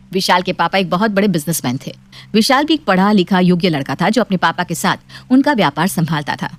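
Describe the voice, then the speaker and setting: A woman narrating a scripted bedtime storybook in an even storytelling manner. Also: lowish voice.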